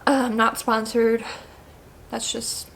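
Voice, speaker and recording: A young woman in her twenties chatting casually to her vlog audience, emotional and teary, gushing with excitement and sniffling from crying. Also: a little high, takes it slowly, vocal fry, a little hiss or hum. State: tearful, sniffly. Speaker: vlogger. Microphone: camera mic with ring light.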